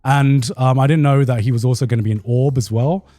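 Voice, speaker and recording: A man chatting casually as he tells an anecdote, informal and quick to swear. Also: mid-range voice, steady tone, dark tone, dry recording, faint music behind. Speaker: show host who cast an anime. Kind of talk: casual chat, telling an anecdote.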